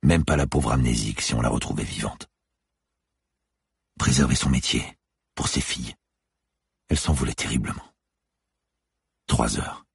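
A man narrating a thriller audiobook in a measured, somber way. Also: extremely low pitch, creaky, breathy edge, no room sound, clean studio sound.

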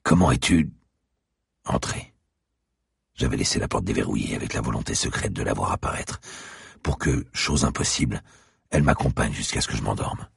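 A man narrating an audiobook in the first person, slow and brooding, his voice rising sharply when his character speaks. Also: no echo, studio quality. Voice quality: gravelly, husky, very deep. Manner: slow, brooding delivery, rises sharply in his spoken lines.

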